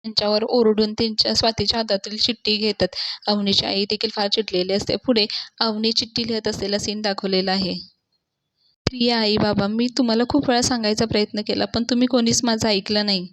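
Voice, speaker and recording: A woman's voice: mid-range voice, flat delivery, a little fast. A woman reviewing a TV serial episode, retelling the plot and quoting the characters' lines in her own plain voice, with hesitant restarts.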